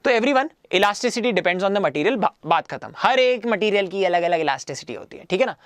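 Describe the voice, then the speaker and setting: A man's voice: sits high, animated, normal speed, fairly bright tone, dry recording. A man teaching a physics lecture in a casual, coaxing way, repeating himself often and mixing in English phrases. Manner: repetitive, coaxing, keeps adding 'है ना'; mixes Hindi with English phrases.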